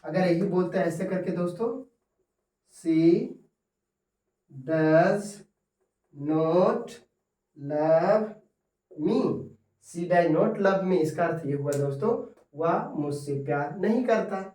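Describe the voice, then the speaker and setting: Male tutor, high voice, unhurried, heard in an echoey room a little off-mic, keeps repeating example sentences. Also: warm tone, distant mic. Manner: repeats examples slowly, often says 'दोस्तों'. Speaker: English teacher. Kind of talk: Hindi-medium grammar lesson.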